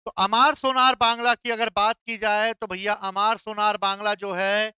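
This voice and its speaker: A man's voice: high voice, level tone, moderate pace, bright, forceful tone, clean tone, no room sound. A male teacher giving a classroom lecture, playful and quizzing his students with call-and-response questions.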